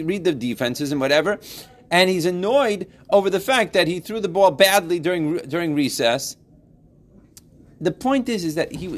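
A man teaching a class, lively and playful, building to emphatic points with everyday examples. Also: high voice. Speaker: Torah teacher. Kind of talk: classroom lesson.

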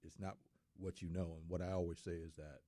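A man's voice: low-pitched, little pitch movement, fairly quick, warm tone, dry recording. A middle-aged man in casual studio talk, speaking earnestly and repeating words for emphasis.

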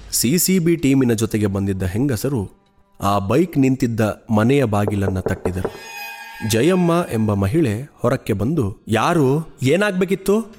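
Steady male true-crime narrator. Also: on the low side. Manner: measured, steady storytelling. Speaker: podcast narrator.

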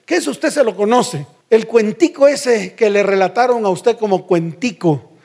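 A male pastor delivers an emphatic sermon in a notably high voice. He fires rhetorical questions at his listeners and sinks to a lower register to hammer key words. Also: normal speed, vocal fry, a little mellow.

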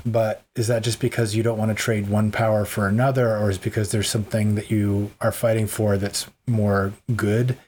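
A man's voice: on the low side, level tone, normal speed, few pauses, a little mellow, a little hiss or hum. A man co-hosting a podcast in casual chat, joking, rambling and often laughing. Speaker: podcast co-host.

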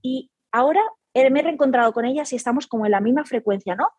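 A woman speaks in a husky, slightly high voice. She talks reflectively and hesitantly, restarting her phrases often. The recording is dry and close. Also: fast talker, a little mellow, no room sound. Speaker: guest, pilates studio owner. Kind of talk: casual conversational interview.

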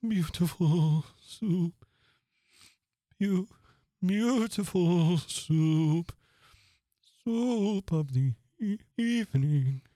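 Brief: reader doing a mopey storybook mock turtle, very slow, dark, mournful. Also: mid-range voice, expressive, no echo, pitched above the performer's own voice. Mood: mournful singing. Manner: slow, mournful, drawn-out singing. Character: sorrowful sobbing old mock turtle. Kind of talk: storybook reading.

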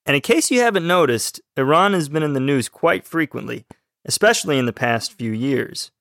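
A man from Texas, co-hosting a scripted language podcast as the student and reading his lines in an even delivery. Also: a little high, normal speed, gravelly, dry recording, studio quality. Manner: even, read-aloud delivery. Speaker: student co-host.

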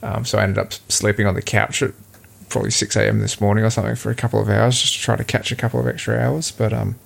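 Gravelly Australian man, casual chat. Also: fairly low pitch, fast talker. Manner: relaxed, rambling with fillers and restarts. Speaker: podcast co-host.

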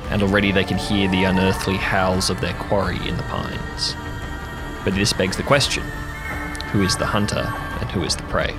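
A man acting as game master, giving atmospheric, scripted horror narration. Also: low-pitched.

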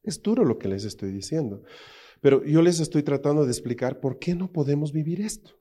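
Emphatic Spanish-speaking preacher. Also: male voice, on the high side, lively intonation, fairly quick, dark tone. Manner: emphatic, full of rhetorical questions to the congregation. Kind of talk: sermon.

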